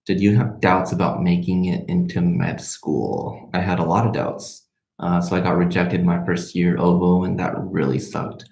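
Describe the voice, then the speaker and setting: Low-pitched and creaky with a darkish, steady tone, this twenty-something vlogger speaks at a moderate pace. He's a medical student whose first language is Spanish, chatting loosely through viewers' questions on a livestream and letting sentences trail off, in an echoey room.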